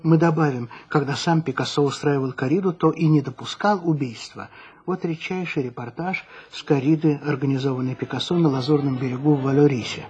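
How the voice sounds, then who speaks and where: A man's voice: mid-range voice, brisk. A man presenting scripted radio narration in the manner of an old newsreel. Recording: dull old recording, crowd noise behind.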